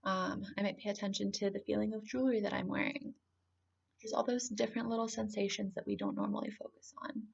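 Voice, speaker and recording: A woman calmly explaining and guiding a grounding exercise in an informal, conversational way. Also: medium pitch, fast talker, creaky, husky, highs cut off. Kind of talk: informal spoken lesson, calm grounding exercise.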